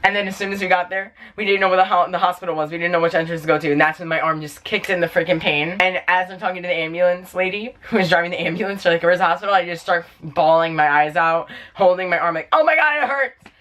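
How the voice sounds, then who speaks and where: A man's voice: high-pitched, little pitch movement, fast, hardly any pauses, sharp tone. Rambling young New guy telling a story. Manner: rambling, heavy use of "like" fillers. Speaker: vlogger. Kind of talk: casual storytime vlog.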